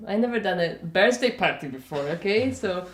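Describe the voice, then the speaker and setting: In an echoey room, a festival organiser from Poland fields interview questions, her Polish accent clear as she rambles conversationally and tosses in "you know" and "yeah?" to check in. She has a medium-pitched, expressive voice and keeps a normal pace.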